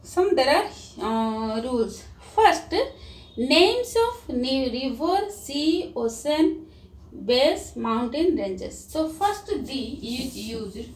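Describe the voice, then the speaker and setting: Slow, lively Indian woman teaching grammar. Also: sits high. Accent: Indian English. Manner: slow, spells words out letter by letter. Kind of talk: grammar lesson for children. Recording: roomy, distant mic, faint background hum.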